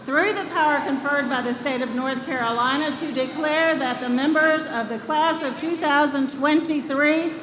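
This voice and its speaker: High-voiced American woman at a podium microphone. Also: normal speed, few pauses. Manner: speaking at a podium microphone to a hall. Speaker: school official presiding at graduation. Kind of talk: formal ceremonial address. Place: school gym with PA system. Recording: echoey PA in a noisy gymnasium.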